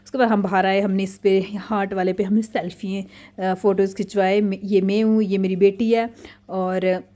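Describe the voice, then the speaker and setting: Woman vlogger, 30s, mom narrating a family outing, warm mellow voice, chatty and excitable. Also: mid-range voice. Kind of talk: casual chatty vlog narration.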